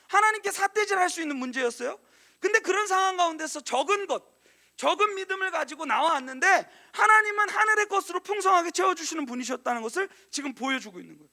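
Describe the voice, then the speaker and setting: A man preaching a sermon as a youth pastor. He tells the story in a conversational, animated way and speaks to the congregation directly. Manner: animated storytelling, acting out quoted lines in a hushed lower voice.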